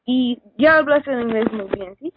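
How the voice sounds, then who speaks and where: Friendly woman interviewing over phone. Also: fairly high pitch. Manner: friendly, halting questions. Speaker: student interviewer. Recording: tinny phone line with faint noise.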